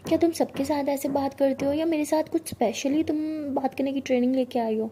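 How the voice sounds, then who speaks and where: A woman's voice: sits high, fairly even intonation, fairly quick, dark tone, a little hiss or hum, lightly acted. A woman voicing an anxious young female office employee who complains in an exasperated way.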